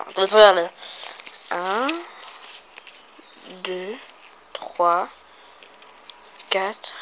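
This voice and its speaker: A woman's voice: medium pitch, a bit bright. A female vlogger in a casual show-and-tell home video who chats to viewers, mutters to herself while counting and often corrects herself. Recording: noisy home recording.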